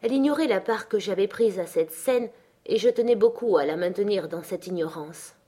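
A woman reading a classic novel aloud as an audiobook narrator. Her telling is measured and expressive, in a middle pitch. She moves the story along steadily.

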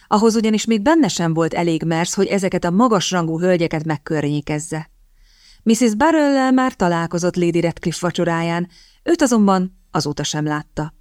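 A woman narrating a novel as an audiobook in a measured, even storytelling manner, recorded close on a studio mic. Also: mid-range voice, dry recording.

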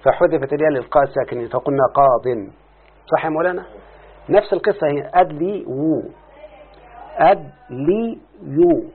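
Husky Egyptian man teaching grammar. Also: a little high. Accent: Egyptian Arabic. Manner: repeats questions to students, stretches out key words. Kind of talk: grammar lesson. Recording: phone-like lo-fi recording.

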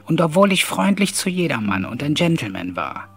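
A man voicing a vain, irascible old male ghost of a lord in an audiobook, pompous and prone to shouting. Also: a little high, very animated, moderate pace, husky, soft background music, pitched above the performer's own voice, exaggerated voice. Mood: haughty.

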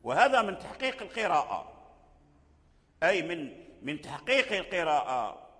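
Man, sheikh giving a religious lecture, high voice for a man, slow and repetitive, long reverb hall. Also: fairly bright tone. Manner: repeats phrases, slow deliberate explanation. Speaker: sheikh teaching Quran recitation.

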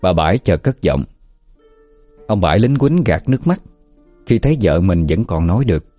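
A man calmly narrating a scripted folk ghost story, with faint music behind. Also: low-pitched, moderate pace, dry recording.

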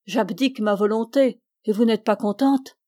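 A woman's voice: on the high side, normal speed, mellow, no echo, studio quality, lightly acted. Woman reading as a tormented young lover. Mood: bitter. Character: young man tormented by forbidden love.

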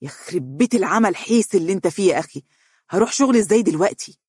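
A male narrator voicing a brash young man in Egyptian Arabic, talking in fast, teasing banter. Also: a little high, dry recording, clean studio sound.

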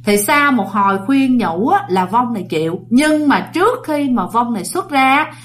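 A woman telling a ghost story in a chatty, casual way. She speaks directly to her listeners and keeps the tale moving. Her voice sits a little higher than most women's. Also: lively intonation, normal speed.

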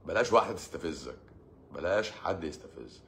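A man's voice: low voice, expressive, a little fast, a bit bright. An Egyptian man, a doctor, talking casually to his audience in a sarcastic, mocking advice-giving way. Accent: Egyptian Arabic. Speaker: doctor hosting his own channel. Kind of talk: casual monologue.

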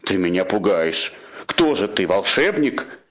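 A man's voice: low-pitched, sing-song, a little slow, a bit bright, dull audio, exaggerated voice. A man reading a storybook and voicing a fussy old king who grumbles and blusters. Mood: bewildered.

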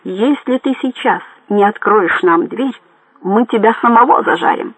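Volatile thug boss, shouty and high-strung, read by a man, dry close sound. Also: measured pace, no echo, full character voice, rough recording. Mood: furious. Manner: yelling, frantic, threatening. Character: angry shouting male gang leader, volatile.

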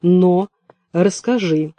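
A man voicing a soft-spoken male interrogator who talks quietly and evenly, coaxing and menacing at once. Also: sits high, very slow, no room sound, lo-fi sound.

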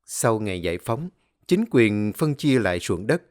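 A man's voice: fairly low pitch, big pitch swings. Solemn male ghost-story narrator. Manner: measured, solemn reading with slow pauses. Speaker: storyteller of a channel. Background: faint music.

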